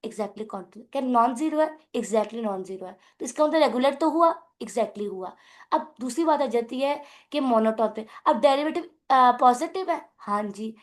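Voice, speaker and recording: A woman's voice: fairly high pitch, expressive, moderate pace. A young woman lecturing on math, mixing English terms into her talk and often asking whether the students follow. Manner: mixes English terms into Hindi. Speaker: math teacher. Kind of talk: classroom lecture.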